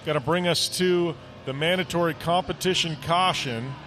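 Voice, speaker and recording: High-voiced man calling a race. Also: moderate pace, noisy background. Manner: excitable, rises sharply during close racing. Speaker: play-by-play commentator. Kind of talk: live race commentary.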